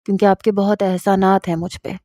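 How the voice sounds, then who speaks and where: Woman doing the shy loyal young driver guy, polite, soft warm voice, dry recording. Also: mid-range voice, flat delivery, dry recording, close to an everyday voice. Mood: pleading. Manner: respectful and pleading. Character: humble loyal young male driver, principled.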